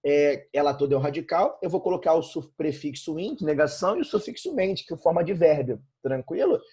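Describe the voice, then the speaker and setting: Husky Brazilian male teacher, chatty. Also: on the high side, expressive, brisk, dark tone. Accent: Brazilian Portuguese. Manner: informal, repeats himself, frequent tag questions. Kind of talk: online grammar lesson.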